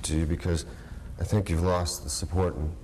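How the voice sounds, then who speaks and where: A man speaking as an official in a government meeting, halting and hesitant, with a quiver in his voice. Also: low-pitched, level tone, a little mellow, slight background noise. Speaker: county official. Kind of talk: unscripted formal remarks at a government meeting. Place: indoor government meeting room.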